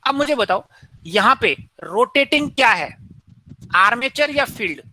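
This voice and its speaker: A man's voice: very high voice, lively intonation, a little slow, pushed and bright, poor audio. A man giving a classroom engineering lecture, posing questions to students and answering them himself, mixing in English technical terms.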